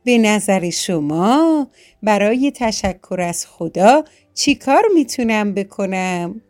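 A woman voicing a cheerful, gentle little bear cub in a children's storybook, speaking earnestly and with wonder. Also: medium pitch, lively intonation, close to an everyday voice.

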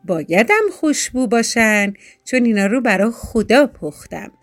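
A cheerful little bear cub from a children's storybook, as a woman puts him on. He speaks earnestly and with wonder, in a fairly high voice over soft music. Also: expressive. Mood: musing.

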